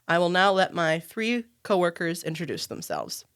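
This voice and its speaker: A woman in her twenties hosting a podcast, reading a measured, scripted introduction. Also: lowish voice, big pitch swings, clear, resonant tone. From Maine, US. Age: 20s. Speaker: podcast host and program manager.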